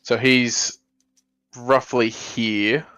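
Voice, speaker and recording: Mid-pitched man playing a tabletop game. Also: level tone, extremely slow, sharp tone, dull audio. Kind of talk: casual chat. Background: faint music.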